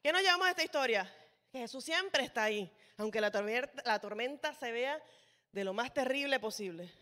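High, bright woman preaching. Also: expressive, a little fast. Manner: impassioned, rising to emphatic rhetorical questions. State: sweaty, toweling off. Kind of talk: sermon. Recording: long reverb of a large hall.

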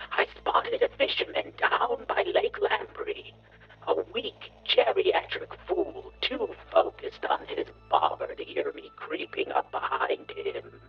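A man voicing a scheming, cruel male insect villain who reads his plans aloud like a pompous journal, in a gravelly, raspy voice on a dull, lo-fi recording. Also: medium pitch, exaggerated voice. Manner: pompous, theatrical journal narration. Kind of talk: dark comedy audio story.

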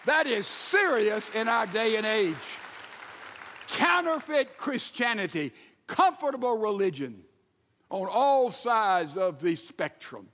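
A male pastor preaching a sermon, emphatic, with sudden loud bursts and repeated rhetorical questions. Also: sits high, big pitch swings, slow pace, in a large hall, some chatter behind.

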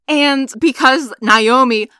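Bright, gushing young woman swearing freely. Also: high-pitched, slow, clean tone, dry recording, studio quality. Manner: gushing, swears a lot, laughs often. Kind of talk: casual fan chat.

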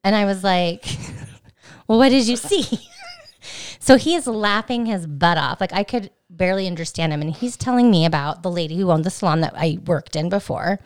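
A woman's voice: fairly low pitch, moderate pace, smooth. Chatty woman telling salon stories. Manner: animated storyteller, laughs often. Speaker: podcast co-host. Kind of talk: casual chat.

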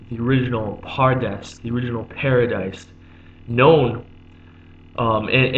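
A man at an ordinary middle pitch gives an unscripted religious lesson. He pauses often on "um", restarts his phrases and explains each term again. The recording is dull and lo-fi, with a faint hum underneath. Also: a bit bright. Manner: halting, many "um"s, repeats and glosses terms. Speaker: religious teacher.

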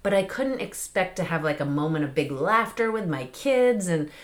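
Hoarse female podcast host, low voice, rambling and chatty; the mic sound has turned echoey. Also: expressive, moderate pace. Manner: chatty, rambling, many fillers. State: hoarse, losing her voice. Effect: sudden echoey sound on her mic. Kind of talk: casual solo podcast talk.

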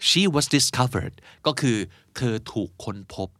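A young adult man teaching vocabulary in a relaxed, chatty way, stopping to spell words out one letter at a time. His voice sits at an ordinary middle pitch. The recording is dry and close, with no room sound. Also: takes it slowly, creaky, husky, no echo. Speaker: English teacher and host. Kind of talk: explaining vocabulary in a casual podcast.

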